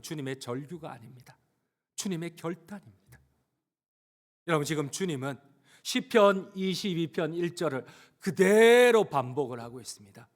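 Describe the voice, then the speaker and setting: Male pastor, higher voice, very animated delivery, impassioned church sermon. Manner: impassioned, rising to cries. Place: church sanctuary.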